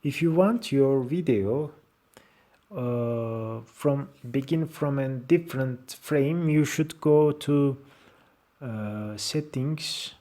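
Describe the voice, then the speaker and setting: A man with a Turkish accent presenting an informal software tutorial in halting, short fragmented phrases of non-native English. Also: medium pitch.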